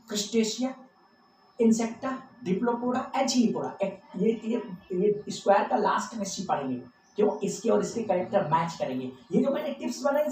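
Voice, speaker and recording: A man's voice: high-pitched, a little mellow. A male teacher giving a biology lecture, drilling memory tips by chanting lists of names and repeating them. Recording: echoey room, distant mic, faint background hum.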